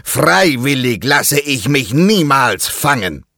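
A villainous pirate captain from a storybook barks orders at his crew, played by a man. He sounds loud and bullying, with his voice pushed higher than normal. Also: very animated, slow pace, creaky, dry recording, studio quality, heavily acted. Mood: commanding. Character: fearsome male pirate captain, gruff bully. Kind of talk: children's audio story.

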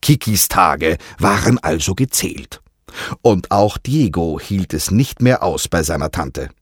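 Male narrator, children's story, slow, husky, lively pitch, dry recording. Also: no echo. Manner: expressive, sing-song storytelling.

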